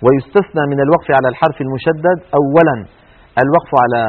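A man gives a televised lesson on Quran recitation, explaining the rules rapidly in a fairly high voice. He breaks off to recite example words slowly and drawn out. The audio is thin and tinny, like a phone line.

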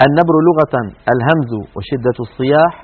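In a televised lesson, a man explains the rules of Quran recitation step by step, demonstrating by drawing out the recited words. His voice runs on the high side with a breathy edge, and the sound is phone-quality.

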